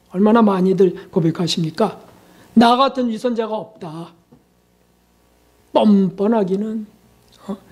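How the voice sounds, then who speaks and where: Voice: medium pitch, darkish tone. A preacher in full sermon mode, leaning hard on repetition and rhetorical questions. The delivery is emphatic and insistent. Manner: emphatic, rhetorical questions, repeats key words. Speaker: pastor.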